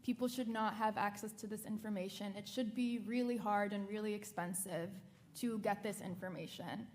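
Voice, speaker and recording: Measured woman explaining on a panel. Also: mid-range voice, steady tone, a little mellow. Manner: measured, explanatory, some fillers. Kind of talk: panel discussion.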